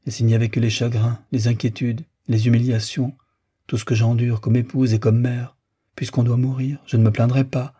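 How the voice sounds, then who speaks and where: A man reading the part of a sorrowful, restrained married woman in an audiobook, in a soft, plaintive way, with a dark, husky voice. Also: mid-range voice, level tone, moderate pace, lightly acted. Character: grieving, yearning bourgeois wife in her thirties.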